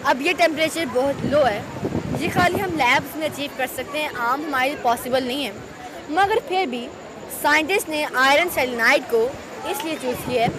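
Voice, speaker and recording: A woman's voice: high-pitched, moderate pace. A young woman with a Pakistani Urdu accent, patiently explaining a science exhibit to visitors at an outdoor fair. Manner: patient, explanatory, addresses the listeners directly. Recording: noisy outdoor crowd recording. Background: crowd chatter and traffic.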